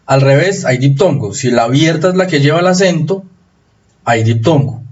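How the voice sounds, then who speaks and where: Guy teaching spelling, goes slow and repeats the rules, kinda muffled recording. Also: fairly high pitch, expressive, a little mellow. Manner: explanatory, repeats rules slowly with emphasis. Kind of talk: recorded online lesson.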